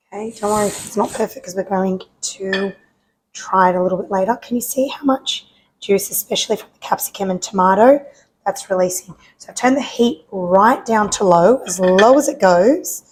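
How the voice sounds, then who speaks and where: A woman's voice: medium pitch, low-quality recording. A woman hosting a home cooking show, chatting viewers through each step of a recipe. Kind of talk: cooking demonstration. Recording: faint noise, uneven mic audio.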